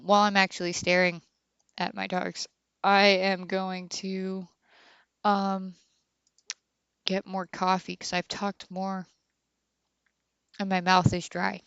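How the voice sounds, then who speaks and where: A woman's voice: mid-range voice, level tone, slow, long pauses, smooth, dry recording, muffled recording. A woman in her thirties streaming a game, chatting candidly and rambling with many fillers. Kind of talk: casual chat while streaming a game.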